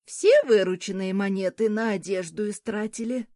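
A woman's voice: medium pitch, big pitch swings, a little mellow, no room sound, clean studio sound. Woman putting on a grumbling old crone. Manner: grumbling, disapproving, slow. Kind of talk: audiobook character voice.

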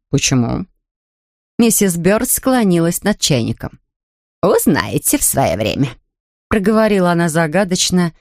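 A woman narrates a children's storybook in a lively, expressive way. Her voice sits on the lower side and sounds dry and close to the mic. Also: no echo. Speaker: audiobook narrator.

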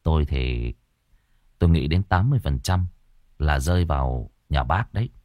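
A man voicing a calm young male exorcist who explains a haunting in a grave, measured way. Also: very deep voice, muffled recording, pitched below the performer's own voice.

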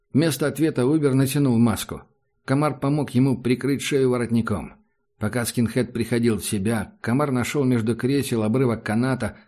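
A man narrating an audiobook in a steady, dramatic storytelling manner. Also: medium pitch. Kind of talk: scripted narration.

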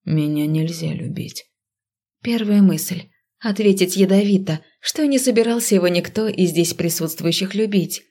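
A woman narrating a novel in the first person, measured and expressive. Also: medium pitch. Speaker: audiobook narrator.

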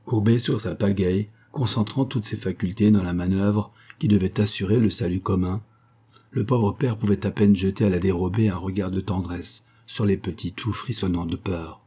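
A man narrating an adventure audiobook with a steady, dramatic reading. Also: deep voice, normal speed, breathy edge.

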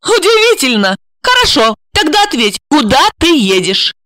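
A woman's voice: high voice, big pitch swings, moderate pace, sharp tone, pitched above the performer's own voice, exaggerated voice. A woman reading an audiobook and voicing a stormy, jealous young woman who mocks and interrogates her friend. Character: fiery, jealous young woman, sharp-tongued.

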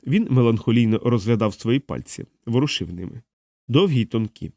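A man narrating a science fiction audiobook at a middle pitch. His reading is even and measured. The sound is dry and close, with no room. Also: vocal fry, no room sound. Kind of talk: scripted narration.

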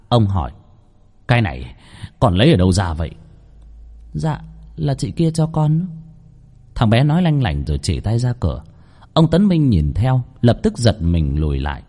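A man's voice: fairly low pitch, mellow, breathy edge. A man narrating a horror story in a dramatic, suspenseful way.

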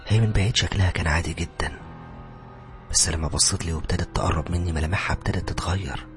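Man, Egyptian accent, horror story narration, quick pace, tense and hushed at times, faint music behind. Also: sits low, steady tone. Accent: Egyptian Arabic. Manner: tense, sometimes dropping to a whisper. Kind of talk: scripted first-person horror narration.

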